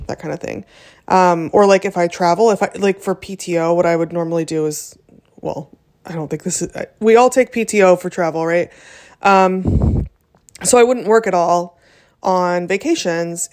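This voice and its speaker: Podcast host, young woman, lower-pitched, rambling and candid, lots of filler words. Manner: chatty, frequent ums and likes, self-deprecating laughs. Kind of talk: casual solo podcast talk.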